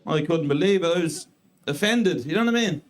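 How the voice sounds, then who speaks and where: An Irish comedian in his thirties performs a stand-up set on a comedy club stage before a live audience. He talks a little fast at a slightly raised pitch, with deadpan, dry self-mockery building to crude punchlines.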